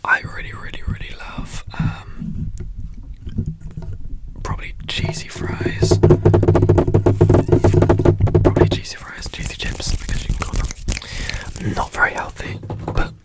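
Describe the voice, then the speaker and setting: A young adult whispers in a fast ASMR style, all breath and no voice. The delivery is informal and rambling, with words often repeated, like someone answering questions off the cuff.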